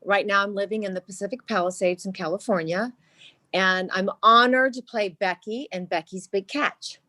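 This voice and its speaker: Bright, cheerful woman from Louisiana. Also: medium pitch, fairly even intonation, normal speed, no room sound. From Shreveport, Louisiana. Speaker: nominated actress. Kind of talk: self-introduction.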